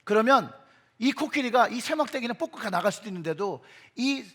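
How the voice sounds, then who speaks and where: A middle-aged male pastor giving an emphatic sermon in a church, his voice surging in pitch and loudness. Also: lively intonation, fairly quick. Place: church sanctuary.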